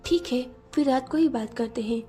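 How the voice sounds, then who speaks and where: A woman's voice: sits high, moderate pace, dark tone, soft background music, lightly acted. A woman voicing a shy, sulky young wife in a narrated storybook romance, pouting and playful. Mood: soft.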